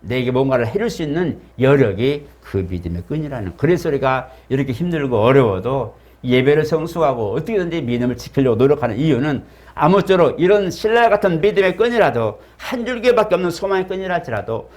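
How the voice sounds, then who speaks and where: A man's voice: on the high side, very animated, fairly quick. Man preaching a dramatic church sermon. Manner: preaching with dramatic acted quotes and sudden loud cries. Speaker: pastor.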